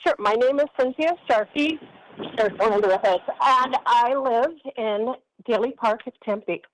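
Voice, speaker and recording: Calling in by phone or video from her workplace kitchen, a resident gives public comment at a council meeting, telling a long story with emphasis. Her voice is a little high and her pace measured. The recording quality is low.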